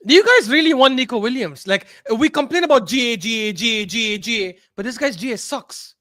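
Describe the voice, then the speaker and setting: High-voiced fast-talking British man. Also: dry recording, clean studio sound. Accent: British English. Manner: animated, emphatic, argues with repeated "like". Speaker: podcast co-host. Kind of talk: casual football chat.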